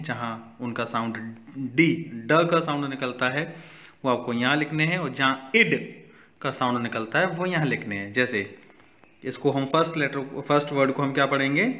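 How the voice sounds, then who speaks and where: A man's voice: medium pitch, fairly bright tone. A male teacher with an Indian accent, walking students through a textbook exercise and repeating each word aloud. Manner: slow, repeats words aloud, switches between English and Hindi.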